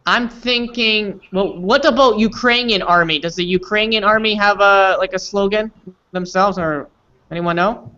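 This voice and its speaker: A man with a bright, forceful voice runs an online English class, throwing questions at his students in a chatty way. The call audio is dull and lo-fi. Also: high voice, normal speed, clear, resonant tone. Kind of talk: casual class discussion. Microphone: video call.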